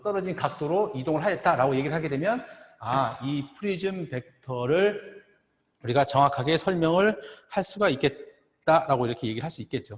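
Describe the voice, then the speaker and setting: A middle-aged man gives a university lecture in a lively voice that swings up and down. He speaks haltingly, repeating phrases and checking in with the class. The sound is roomy, with a long, hollow reverb trailing each phrase. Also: a little high. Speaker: optometry professor. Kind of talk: lecture at a board.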